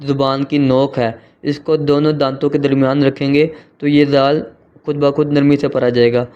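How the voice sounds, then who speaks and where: Patient male tutor with a Pakistani Urdu accent, smooth even delivery, muffled lo-fi sound. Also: mid-range voice. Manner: slow, patient, drawn-out letter sounds. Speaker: Quran reading teacher.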